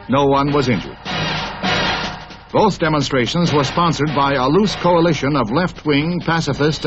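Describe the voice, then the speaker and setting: A man reads an old newsreel in a brisk announcer's style, slipping in wry, punning asides. His voice sits a little high for a man. The sound is dull and lo-fi like vintage film audio, with music playing clearly beneath him. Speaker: newsreel narrator. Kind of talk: 1960s newsreel narration.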